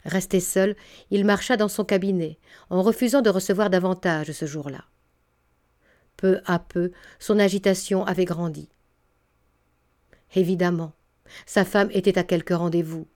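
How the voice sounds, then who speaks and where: Mellow-voiced woman reading a novel. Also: on the low side, fairly even intonation, normal speed, pauses often. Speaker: audiobook narrator. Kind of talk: literary audiobook reading.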